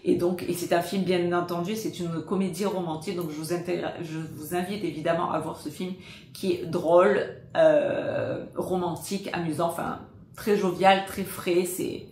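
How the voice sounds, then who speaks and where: A woman casually recommending films she likes, hesitant and full of filler pauses but enthusiastic. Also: lowish voice, fairly even intonation, a little mellow, roomy sound. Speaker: film recommender. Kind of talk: casual spoken film recommendations.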